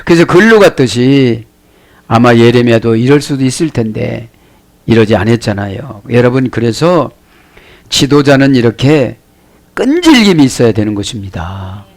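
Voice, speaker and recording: A man's voice: medium pitch, very animated, moderate pace. A man, a pastor giving a Bible study sermon, explaining words one by one and asking the listeners rhetorical questions.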